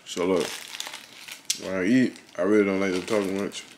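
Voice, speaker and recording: Young guy, real deep voice, chewing while he talks, chill slangy vlog chat. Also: moderate pace, slight background noise. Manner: laid-back slang, relaxed. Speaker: mukbang vlogger. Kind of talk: casual chat to camera.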